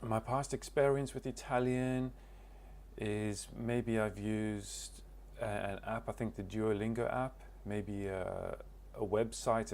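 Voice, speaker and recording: With some slight noise behind him, a man from Cornwall in England introduces himself to the camera as a language learner, informal and unsure, repeatedly breaking off to reach for words. His pitch is fairly low and his tone darkish.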